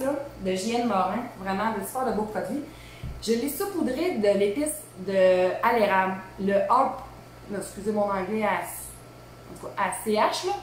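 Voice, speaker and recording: A woman in her thirties with a Québécois accent, hosting a casual live cooking demo from her home kitchen, chatty and informal with many asides. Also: mid-range voice. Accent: Québécois French. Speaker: cooking show host. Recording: very echoey room, faint hum.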